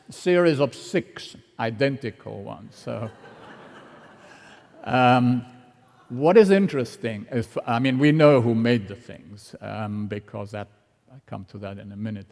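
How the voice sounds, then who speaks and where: An older man, an art historian, giving a public lecture in an unhurried, anecdotal way with wry asides, recorded in a museum lecture hall. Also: medium pitch, darkish tone. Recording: long reverb of a lecture hall.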